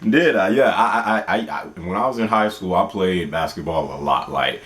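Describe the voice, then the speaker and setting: A man's voice: low-pitched, moderate pace, fairly bright tone. A man in his twenties hosting a casual question-and-answer vlog, playful and laughing often. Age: 20s. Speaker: gaming channel host.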